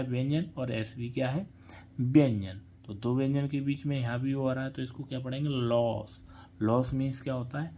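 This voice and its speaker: A man teaching an English phonics lesson, spelling out letters slowly and asking and answering his own questions. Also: mid-range voice, darkish tone.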